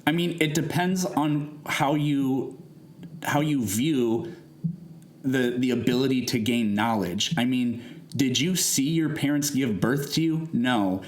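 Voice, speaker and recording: A man with a mid-pitched voice argues in a conversational debate. He explains step by step in a pedantic, reasoning manner and often poses rhetorical questions. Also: slow pace. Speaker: debater defending evolution.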